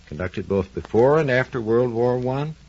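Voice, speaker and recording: Speaking at a moderate pace with an expressive, darkish, medium-pitched voice, an American man presents a science program as a research engineer. The scripted 1940s educational radio talk is formal and explanatory, heard through muffled, lo-fi audio.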